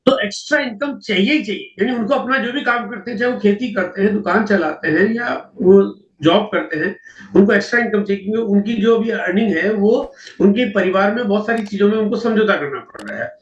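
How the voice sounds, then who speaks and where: A man gives a seminar talk, walking through statistics with repetition and rhetorical questions. His voice sits high for a man. It is picked up from a distance in a roomy, echoing space on a dull, lo-fi recording. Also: brisk. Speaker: network marketing seminar speaker.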